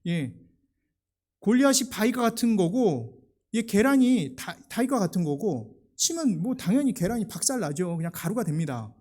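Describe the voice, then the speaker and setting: Mellow-voiced Korean pastor preaching. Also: male voice, high-pitched, sing-song, normal speed. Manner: conversational storytelling, builds to raised emphatic preaching. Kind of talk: sermon. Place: church sanctuary.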